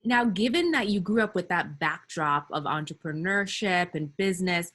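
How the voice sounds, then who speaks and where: A woman's voice: on the low side, expressive, moderate pace, fairly bright tone. A woman hosting an interview podcast, asking prepared questions and adding brief friendly responses. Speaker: podcast host.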